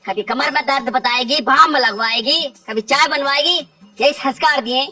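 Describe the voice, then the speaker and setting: A woman's voice: high-pitched, normal speed, sharp tone, soft background music. Woman playing a mocking, bickering village husband. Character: teasing village husband and father. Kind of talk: comedy skit acting.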